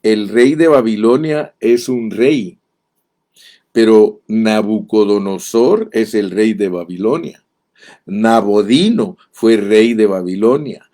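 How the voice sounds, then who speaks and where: This man's voice is on the low side and warm as he teaches Bible lessons as a pastor. He addresses the listeners directly, reading verses out emphatically in a slow, deliberate way.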